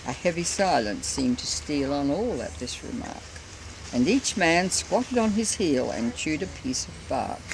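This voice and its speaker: An older Australian woman, the family matriarch, recites a bush ballad at a family Christmas gathering in a theatrical, lilting way. Her voice is low and very animated, with a measured pace. The amateur recording is low quality, with slight background noise.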